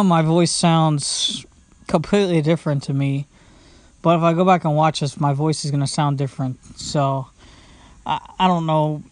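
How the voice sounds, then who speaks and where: There's no room sound around this young man's slightly high voice. Seated indoors at home, he hosts a casual podcast of his own, wandering off track with fillers, restarts and "blah, blah, blah."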